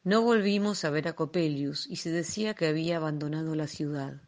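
A woman reading a classic tale aloud in a measured, expressive storytelling manner. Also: low voice. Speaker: reader.

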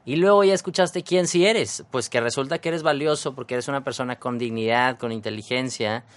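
A man with a Mexican Spanish accent talks through a casual motivational podcast monologue. His voice is smooth and resonant, at an ordinary male pitch. He is animated and self-mocking, often slipping into an impression of his own inner voice. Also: a little fast. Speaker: podcast host.

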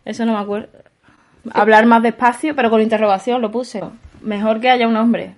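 A woman's voice: a little high, fairly even intonation, fairly quick. A young woman with an Andalusian accent, co-hosting a comedy podcast in casual, jokey chat. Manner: chatty, jokey, reads from her phone notes. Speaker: podcast co-host.

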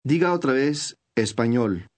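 Brief: male course narrator, patient scripted teacher delivery, mid pitch. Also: animated, unhurried. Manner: clear, patient teacher's instructions.

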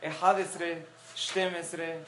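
A woman's voice: on the low side, level tone, extremely slow, fairly bright tone, a little hiss or hum. A middle-aged woman giving a parenting talk to a group of mothers, explaining points and acting out example quotes. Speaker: parenting class speaker.

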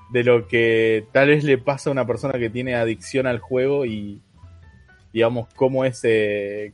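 A man's voice: medium pitch, darkish tone, dry recording. A young man with a Rioplatense accent, chatting casually about a movie as podcast co-host, with many fillers and restarts, in a dry recording. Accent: Rioplatense Spanish. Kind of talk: casual film review chat.

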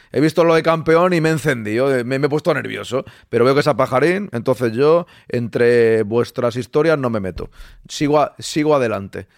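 A man with a Spanish accent hosting a live stream, greeting viewers by name with quick, animated asides. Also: medium pitch, no echo, studio quality. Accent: Spanish from Spain. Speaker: live-stream host reading chat. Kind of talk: casual live-stream chat.

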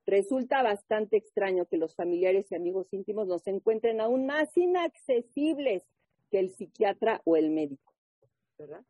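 A woman speaking at a recovery group meeting, giving her testimony and reading aloud, animated and often asking the listeners questions. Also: medium pitch, moderate pace, no echo. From Mexico. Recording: muffled phone-like audio.

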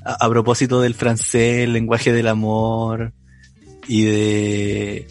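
A man's voice: lowish voice, completely flat delivery, takes it slowly, soft background music. A young man with a Chilean accent, chatting as a podcast co-host in a hesitant, filler-heavy, slangy way. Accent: Chilean Spanish. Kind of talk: casual chat.

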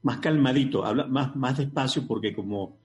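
A Venezuelan man hosting an interview and asking measured, courteous questions. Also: medium pitch, darkish tone, faint music behind. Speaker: host.

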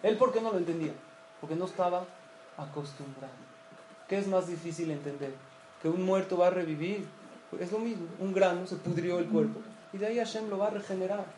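High-voiced man preaching in echoey room. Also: a little fast, mellow, a little hiss or hum. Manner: storytelling, asks and answers questions. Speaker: rabbi giving a talk. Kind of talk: sermon. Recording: echoey room with faint ambience.

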